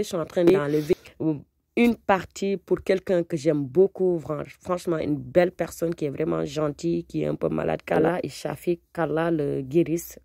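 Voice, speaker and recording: A woman's voice: deep voice, gravelly, dark tone, dry recording, studio quality. A woman with a Senegalese accent giving a casual recipe voice-over as a cooking vlogger, switching between French and Wolof.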